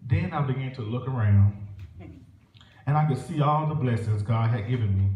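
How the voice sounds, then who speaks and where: A young man with a Southern US accent preaches a sermon and leads prayer in a church sanctuary, using rhythmic call-and-response delivery in a mid-range voice at moderate pace. The audio is dull: a pulpit stand mic filmed by a far camera in an echoey church heard from far off, with organ music behind.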